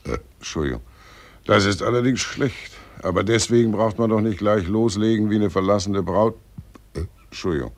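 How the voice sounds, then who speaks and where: An actor playing Death as a fat, cynical undertaker who keeps belching, in a vintage radio play. He sounds sardonic and gravelly. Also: lowish voice, fairly even intonation, moderate pace, hardly any pauses, lightly acted. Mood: mocking. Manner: cheerful, sardonic, belches, mocking. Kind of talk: 1940s radio acting.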